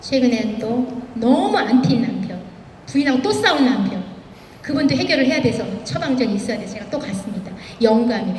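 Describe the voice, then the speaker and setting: A woman with a warm voice on the high side delivers a motivational speech as a guest speaker, sharing anecdotes on stage and acting out what people said. It takes place in a large event hall. The audio is echoey and distant from the mic, with slight background noise.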